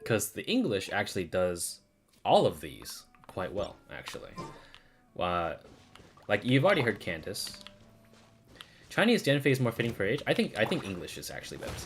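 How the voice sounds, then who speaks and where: A man streaming in a casual, opinionated, sweary style with animated delivery. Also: on the low side, moderate pace, slight background noise. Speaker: streamer reviewing game voice dubs.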